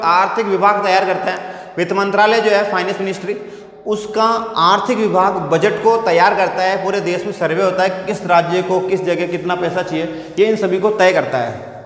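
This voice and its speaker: In an echoey indoor classroom, an Indian man teaching at the whiteboard repeats phrases and asks rhetorical questions. His voice is high and a bit bright, at normal speed, picked up by a clip-on lapel mic.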